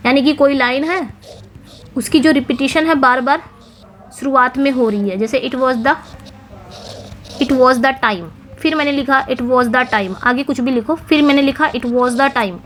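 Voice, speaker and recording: A woman teaching an English exam-prep lesson, explaining answers step by step and reading English phrases slowly. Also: sits high, slight background noise.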